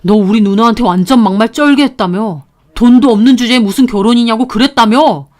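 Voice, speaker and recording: A woman's voice: on the high side, fairly quick, a little mellow, natural voice. A woman voicing a cold, sneering husband. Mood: belittling. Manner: cold, belittling. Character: blunt, sneering husband, a man.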